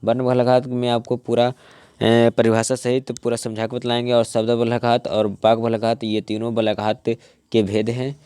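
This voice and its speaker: A young man teaching grammar from his notes, often repeating words and restarting, and slowing down to spell out word parts. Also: mid-range voice, monotone, mellow, clear, resonant tone, dry recording. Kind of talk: explaining from notes to camera.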